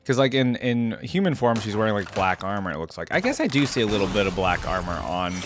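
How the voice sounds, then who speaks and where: A fast-talking man with a lowish voice reacts live as a reaction video host, very animated, thinking aloud and exclaiming a lot in a casual, informal way. There's a little hiss or hum, plus music from the game and its sound effects behind him.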